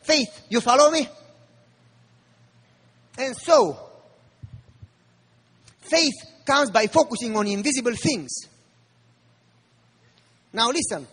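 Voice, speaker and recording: A man's voice: extremely high pitch, animated, slow, long pauses, a bit bright, husky. A man preaching a sermon, speaking emphatically and firing rhetorical questions at the congregation. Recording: long reverb of a large hall.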